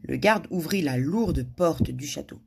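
A woman's voice: low voice, expressive, a little slow, creaky, background noise. A woman reading a children's story aloud expressively, with small slips and restarts.

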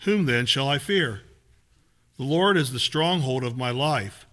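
Picked up by a far-off camera in a small sanctuary, a man with a mid-range voice serves as lay reader. He reads scripture aloud in an even, measured way during the service.

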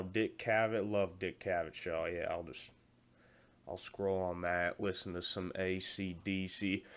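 Speaking in a deep voice, a comedy skit performer takes on the role of an uncaring 40-year-old night security guard. Over a phone call, the man stammers, repeats himself and rambles in slang.

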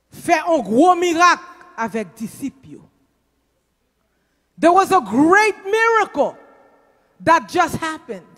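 A middle-aged Haitian woman preaching a sermon in a church, shouting with emphasis into a handheld mic. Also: very high-pitched. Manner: emphatic, shouting, switches between Creole and English. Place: church stage, indoors. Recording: long reverb in church hall.

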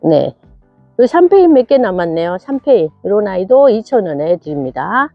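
A cheerful woman from South Korea shows off the succulents she's selling in a casual showcase, gasping and exclaiming over each plant. Her medium-pitched voice is very animated at a moderate pace with no room sound, but the lo-fi recording is dull and carries faint music.

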